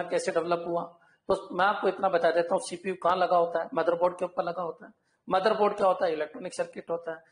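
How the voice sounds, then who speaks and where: A man teaching an online computer class, repeating key points and often asking his students whether it is clear. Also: sits high, echoey room, poor audio. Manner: repetitive, keeps checking "clear?" with students.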